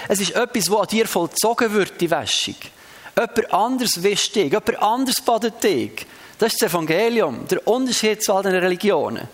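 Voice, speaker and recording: A man's voice: high-pitched, a bit bright. A man preaching a sermon, reading scripture aloud with shifting emphasis and talking to the congregation in a conversational way.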